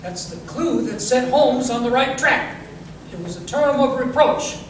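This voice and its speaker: A man's voice: very high-pitched, animated, a little slow. A man playing a genial, modest, slightly fussy Victorian doctor in a radio drama, speaking politely and hesitantly. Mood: genial explaining. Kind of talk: old-time radio drama acting. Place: live performance in a museum. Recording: very echoey, distant, noisy stage recording.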